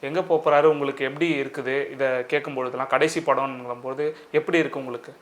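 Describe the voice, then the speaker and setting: A man's voice: medium pitch, fairly even intonation, quick pace. A man with a Tamil accent interviewing a guest, probing and repeating his questions. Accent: Tamil Nadu.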